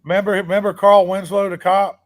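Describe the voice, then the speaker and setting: A man, a podcast guest telling profane, animated road-trip stories full of acted-out dialogue. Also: high voice, brisk. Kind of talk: casual storytelling.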